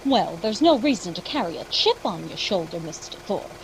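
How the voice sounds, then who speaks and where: An actress playing a breezy, persuasive property agent in a radio drama, with a folksy, reassuring sales manner. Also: female voice, very animated, normal speed, rough recording. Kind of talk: old-time radio acting. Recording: faint engine rumble behind the voice.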